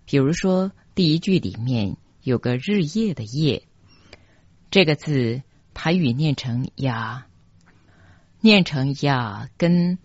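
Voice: medium pitch, darkish tone, slightly rough, no room sound. A teacher with a Taiwanese Mandarin accent gives a step-by-step pronunciation lesson, spelling out each syllable and repeating it. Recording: dull, dry, lo-fi recording.

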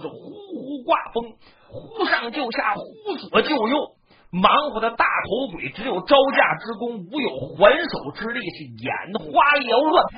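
A traditional storyteller narrating a battle tale dramatically, with shouted lines and mouth sound effects. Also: medium pitch, husky. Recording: dull lo-fi recording.

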